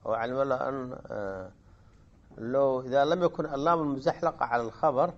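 A man teaching a grammar lesson, often pausing to quiz his students and repeating key phrases. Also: medium pitch, muffled recording. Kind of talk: classroom lesson explaining a grammar poem.

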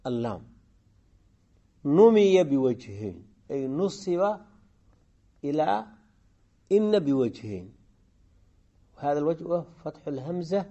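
A man teaching a grammar lesson, often pausing to quiz his students and repeating key phrases. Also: mid-range voice, dark tone. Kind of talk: classroom lesson explaining a grammar poem.

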